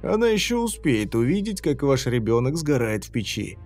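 A man's voice: mid-range voice, very animated, moderate pace, darkish tone, voice pushed up. A man voicing a cruel, playful male killer who taunts his victims in a sneering, mocking way, with faint music behind. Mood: taunting.

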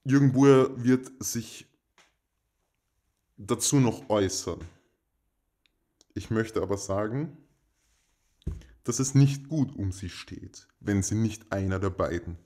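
Guy doing a mock formal giveaway announcement, kinda low voice, really slow, pompous n deadpan. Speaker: host of a giveaway. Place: indoors in a home.

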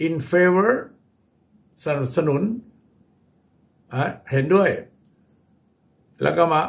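A male English teacher with a Thai accent gives a bilingual vocabulary lesson. He speaks very slowly and deliberately, spelling out numbers and key words one at a time. His voice sits a little higher than most men's. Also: vocal fry. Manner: slow, deliberate, repeats words for learners.

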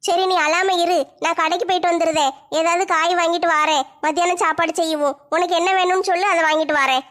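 A gentle, reassuring elder sister-in-law, voiced by a woman in a comedy family skit. Her voice is very high and the talk moves quickly. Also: fairly even intonation. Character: patient elder sister-in-law, kind homemaker.

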